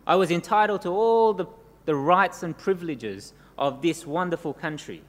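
With a fairly high, animated voice at normal speed, a middle-aged Korean-born pastor preaches earnestly to his congregation. Tag questions often cap his points, and the church hall adds long reverb along with faint noise.

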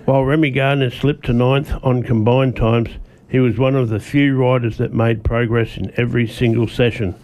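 A man's voice: medium pitch, steady tone, normal speed, a little mellow. An Australian man co-hosting a radio motorsport show, reading a scripted report aloud from his notes and stumbling now and then. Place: radio studio.

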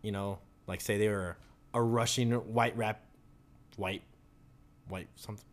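Unhurried and fairly even in intonation, a young man's lowish voice drifts through a casual conversation at a shared-house table, where he muses and asks reflective questions.

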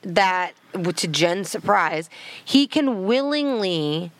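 A woman's voice: lowish voice, lively intonation, slow pace, no echo. A woman co-hosting a podcast, retelling scenes in casual chat, swearing freely and acting out the characters' lines. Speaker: podcast co-host.

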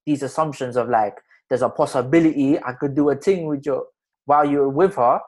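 A man's voice: mid-range voice, brisk, darkish tone. A young man with a London roadman accent, talking emphatically in slang in a casual group discussion. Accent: London, urban roadman slang. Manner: slangy, emphatic, tags phrases with address terms.

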